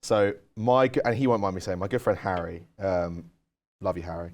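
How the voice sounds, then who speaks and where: Low-voiced young man telling stories. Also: moderate pace. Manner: rambling, filler-heavy storytelling with lots of "like" and "um". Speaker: podcast co-host. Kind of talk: casual storytelling chat.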